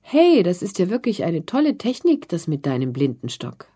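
A woman's voice: lowish voice, huge pitch swings, normal speed, warm tone, slightly rough, exaggerated voice. A woman reading the part of a curious, friendly young boy in a storybook. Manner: eager questioning.

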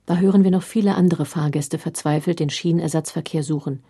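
A woman reading a story aloud in a measured storytelling manner. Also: low-pitched, fairly even intonation, warm tone, breathy edge. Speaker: reader.

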